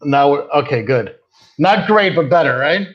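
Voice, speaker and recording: A man's voice: a little high, expressive, normal speed, slightly rough. A man chatting casually and emphatically about sports as a podcast guest. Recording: dull lo-fi remote microphone.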